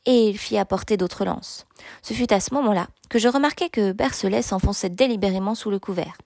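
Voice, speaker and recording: A woman's voice: medium pitch, fairly quick, gravelly, a little mellow, no echo, clean studio sound. Woman reading a novel aloud. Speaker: narrator.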